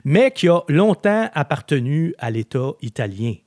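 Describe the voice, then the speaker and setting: A man hosting a podcast, telling history in a lively, chatty way with filler words. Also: a little high, moderate pace, no room sound, clean studio sound. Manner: chatty storyteller, animated, with frequent filler words. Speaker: podcast host. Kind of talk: casual podcast chat.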